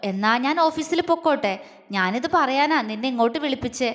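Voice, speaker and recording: A woman voicing a doting older man who speaks softly and coaxingly to his young wife, with a long reverb on the voice. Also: high voice, expressive, fairly quick. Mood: tender. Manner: soft, coaxing, affectionate.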